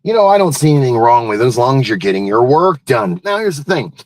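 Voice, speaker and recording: A man's voice: medium pitch, very animated, fast talker, darkish tone, dry recording. A man hosting a live morning show in a casual, folksy, rambling way, wandering from one thought to the next.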